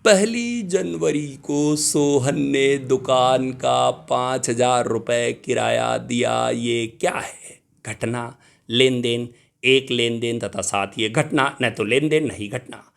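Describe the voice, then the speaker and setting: A young adult man giving an exam-prep accounting lecture, lively, asking questions and answering them himself, addressing students fondly. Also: mid-range voice, slow pace, creaky. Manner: animated, asks and answers his own questions, calls students "beta". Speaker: accounting teacher.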